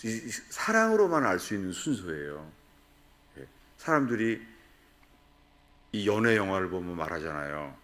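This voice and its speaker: Korean pastor preaching with lively pitch. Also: male voice, moderate pace, long pauses. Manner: asks the congregation questions, acts out quoted voices. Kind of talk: sermon. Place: prayer retreat hall.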